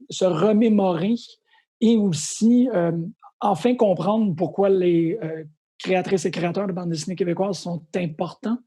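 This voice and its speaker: A man with a Quebec French accent talking off the cuff as a presenter, halting and repeating words. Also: sits high, warm tone. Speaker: festival presenter. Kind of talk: casual unscripted talk.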